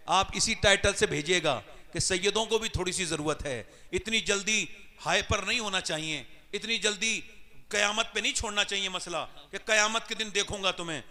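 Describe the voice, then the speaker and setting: A male preacher giving a religious sermon, telling stories softly and then rising to shouted climaxes while urging the crowd to respond. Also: high-pitched, in a large hall. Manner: builds from soft storytelling to shouted climaxes, coaxes crowd responses. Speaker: Islamic preacher. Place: large gathering with crowd.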